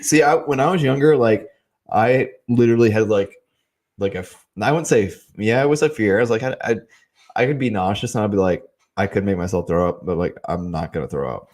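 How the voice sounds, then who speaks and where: A man with a fairly low voice co-hosts a podcast in loose, casual chat. He rambles, hesitates and slips in deadpan jokes while he's a bit tipsy. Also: a little fast. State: hiccups, tipsy. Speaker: podcast co-host.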